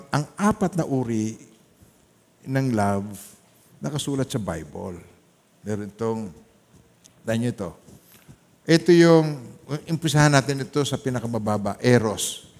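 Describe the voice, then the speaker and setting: Filipino pastor guy mixing english into his sermon, goes soft then loud, church hall echo. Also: medium pitch. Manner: Taglish preaching, swinging from soft asides to loud emphatic peaks.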